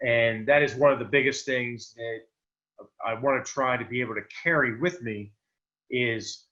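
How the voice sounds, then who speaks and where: This Delaware candidate's voice is medium-pitched, pushed and bright as he makes his earnest, plain-spoken pitch on a video call. He leans on many fillers, and the call audio is dull and lo-fi.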